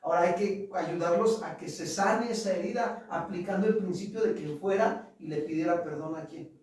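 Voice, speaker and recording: Man, Mexican accent, pastor preaching, high voice, very echoey church hall, distant mic. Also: normal speed, a little mellow. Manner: conversational preaching, rhetorical questions to the congregation. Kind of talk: sermon.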